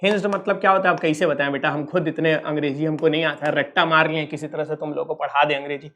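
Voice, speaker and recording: A man's voice: a little high, steady tone, quick pace, bright, forceful tone. A man from Uttar Pradesh, India, teaching a physics lesson online in a playful, teasing way and calling his students kids. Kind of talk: online exam-prep lecture.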